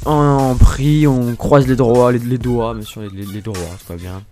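A man's voice: medium pitch, steady tone, a little slow, warm tone, faint music behind. A man doing casual, self-mocking commentary while opening game packs, stammering and laughing often. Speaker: gaming YouTuber.

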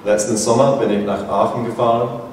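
A man's voice: medium pitch, fairly even intonation, brisk, a little mellow, far from the mic. A seventeen-year-old boy from England, a student speaking careful, rehearsed German as a learner. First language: English. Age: teens. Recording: echoey hall with background noise.

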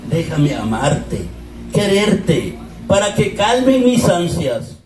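A man's voice: sits high, very animated, over a noisy crowd. An older man with a Mexican accent gives a grand, impassioned poetry declamation over a microphone in an open-air plaza. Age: older, 60s or 70s. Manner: impassioned, theatrical, drawn-out phrasing. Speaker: poetry reciter at a public event. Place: open-air covered plaza before a seated audience. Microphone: handheld microphone over PA, recorded from a distance. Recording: echoey distant PA, background noise.

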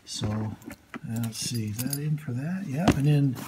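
Slow, halting man in a noisy workshop. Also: medium pitch. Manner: slow, halting, lots of ums and uhs. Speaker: workshop video host. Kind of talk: casual show-and-tell of tools. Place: indoor workshop at a metal bench. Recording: loud clatter of metal tools.

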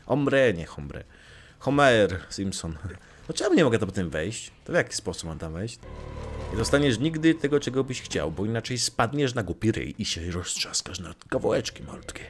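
Lively, playful young gamer guy. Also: mid-range voice. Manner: playful, swears lightly, jokes and talks back to game characters. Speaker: let's play gamer. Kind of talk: casual gameplay commentary.

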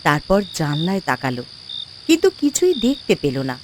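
A woman giving expressive, scripted storybook narration for a cartoon. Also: on the low side, moderate pace, background noise.

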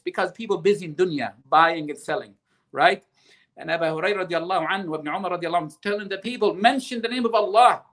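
A man's voice: high voice, fairly bright tone. A man as a religious scholar guest, explaining earnestly and weaving Arabic phrases into his teaching.

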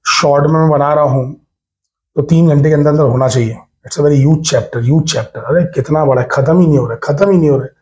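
A man's voice: fairly high pitch, fairly quick, darkish tone. A man with an Indian accent teaching physics in a recorded exam-prep lecture, chatty and teasing, repeating phrases and mixing English terms into his talk.

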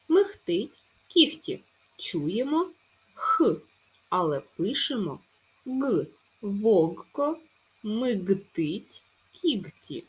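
A woman teaching a primary school language lesson in a recorded remote class, clearly stressing each sound as she dictates. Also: mid-range voice, rough recording.

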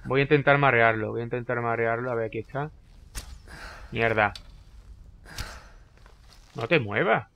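Excitable man narrating his own gameplay. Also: medium pitch, slight background noise. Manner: excitable, frequently repeating short phrases under pressure. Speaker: gameplay commentator. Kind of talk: live gameplay commentary.

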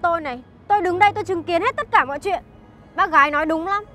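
A young actress playing a sly young woman who flatters an older mother. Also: very high voice, fast, faint music behind. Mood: indignant. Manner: sweet-talking, flattering, sharp when accusing.

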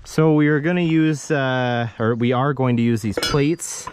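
A man's voice: mid-range voice, unhurried. A man in his thirties chatting casually about building plans, filmed on an action camera held at arm's length outside. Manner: chatty, explains plans while working. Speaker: vlogger building a house. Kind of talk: casual vlog narration. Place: outdoor building site in woods.

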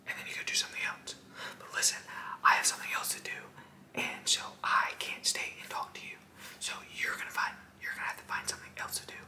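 A man in his twenties doing fast whispering ASMR, breathy and insistent, with clipped, repeated phrases aimed straight at the listener. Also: reverberant. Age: 20s. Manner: aggressive, insistent, clipped and repetitive, addressing the listener directly. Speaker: ASMR host. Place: small indoor room.

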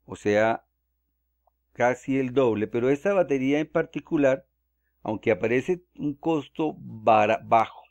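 A man from Colombia, calmly walking through cost calculations step by step in a screen-recorded tutorial. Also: mid-range voice, a little slow, vocal fry, no room sound. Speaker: solar energy explainer.

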